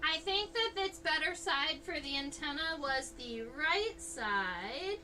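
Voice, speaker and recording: Chatty woman science streamer, high-pitched and unhurried, faint hiss behind. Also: animated, sharp tone. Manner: chatty, unhurried, reads chat aloud. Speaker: entomologist livestream host. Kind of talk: casual livestream teaching.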